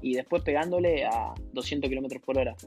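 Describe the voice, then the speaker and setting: A man's voice: mid-range voice, fast talker, darkish tone, soft background music. A man with an Argentine Spanish accent, a tennis player telling a story in a casual interview, with hesitant restarts. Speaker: guest, professional tennis player.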